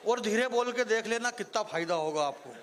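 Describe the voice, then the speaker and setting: With crowd noise in the background, a high-voiced stage poet from Marwar, Rajasthan, gives a live recital through a stage microphone. He speaks briskly and expressively, moving between banter and swelling declamation.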